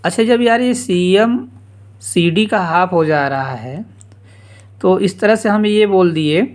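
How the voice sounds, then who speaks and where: A man teaching a geometry lesson informally, repeating steps slowly and dropping casual asides. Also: sits high. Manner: slow, repetitive explaining with casual asides. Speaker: math teacher.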